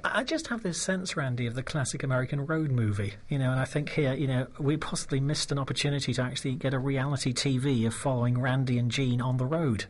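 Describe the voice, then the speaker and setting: A man's voice: medium pitch, fast talker, few pauses. A British man hosting a radio show, chatting in a rambling, friendly way and laughing often. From Britain. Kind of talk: casual radio chat.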